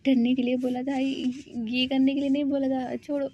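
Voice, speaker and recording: A woman's voice: sits high, little pitch movement, normal speed, warm tone, muffled recording. A woman voicing a playful young woman who pretends to be grumpy and tough, with huffy, pouting protests. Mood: mock angry.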